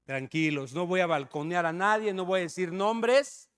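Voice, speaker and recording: A man with a Mexican accent preaching a sermon, telling a story with loud emphasis and hushed asides. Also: high-pitched, animated, moderate pace, clear, resonant tone.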